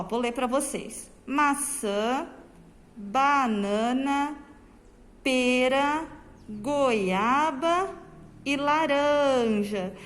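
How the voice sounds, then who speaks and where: Woman teacher, masked, high voice, slow careful explaining, reverby room. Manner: slow, drawn-out teacherly explanations with frequent check-ins. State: speaking through a face mask. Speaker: primary school teacher. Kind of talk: remote class lesson. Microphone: phone camera.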